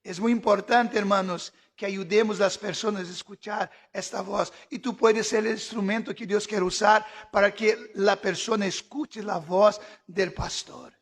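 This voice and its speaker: Very high-voiced fervent male preacher. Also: steady tone, measured pace, few pauses, breathy edge. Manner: fervent preaching, shouting at peaks. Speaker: pastor. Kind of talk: sermon.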